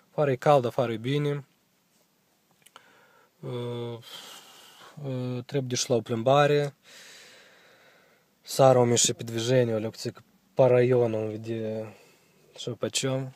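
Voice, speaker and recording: A young vlogger with a Moldovan accent speaks at a medium pitch in a flat, somewhat dark-toned delivery broken by long pauses. He's filming a laid-back walkthrough of a parked car on his handheld phone, rambling and hesitant with many fillers, and the recording is dry.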